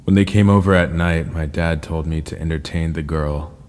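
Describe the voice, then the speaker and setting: A man narrating scary first-person stories in a slow, ominous storytelling manner. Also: rumbling low, steady tone, a little mellow. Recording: long reverb with faint ambient noise.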